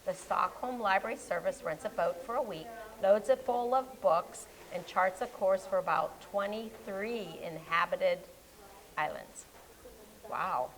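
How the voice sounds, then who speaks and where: In a low-quality recording from a public library, a female co-host of a local library show chats about books. This children's librarian has an American accent, a mid-range voice with lively intonation, and an unhurried pace, and she tends to trail off mid-word.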